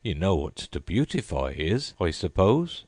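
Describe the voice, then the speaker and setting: A gruff, blunt griffin from a storybook who snaps at others, as a man puts him on. The voice pushes louder than the narration. It is recorded dry and close. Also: low-pitched, sing-song, measured pace, no echo, exaggerated voice. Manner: gruff and scolding.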